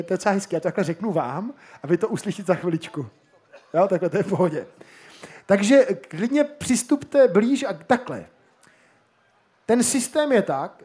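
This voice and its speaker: Man, high voice, panel moderator, chatty and joking, outdoor festival stage, handheld mic. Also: darkish tone, breathy edge. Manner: chatty, joking, switches between Czech and German. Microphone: shared handheld microphone.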